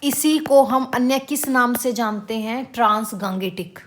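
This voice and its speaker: A woman teacher giving an exam-prep lesson, repeating each question slowly and drilling the answers for her students. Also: on the high side, slight background noise. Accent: Haryanvi-tinged Hindi. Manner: addresses students as beta.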